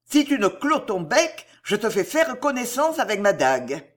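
A reader voicing Cato, a fierce woman who leads a ragged band of beggar women, in an audiobook, with a loud, sharp, commanding delivery. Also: medium pitch, sing-song, takes it slowly, full character voice. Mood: threatening. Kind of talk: audiobook character voice.

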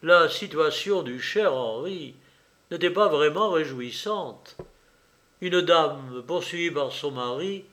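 A man's voice: fairly high pitch, a bit bright. Man narrating an audiobook.

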